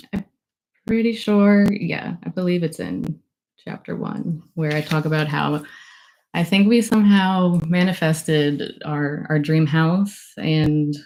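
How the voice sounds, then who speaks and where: Her voice low and darkish, a young woman gushes emotionally during casual livestream thank-yous at her book launch, rambling and filling pauses often. It's a low-quality recording.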